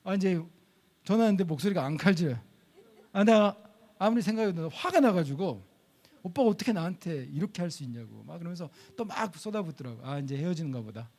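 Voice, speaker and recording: A middle-aged man with a fairly high voice preaching into a church microphone. He tells his story in an animated way, acting out each quoted line with sudden leaps in pitch. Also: brisk. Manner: animated, acts out quoted dialogue with big pitch jumps. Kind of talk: sermon storytelling.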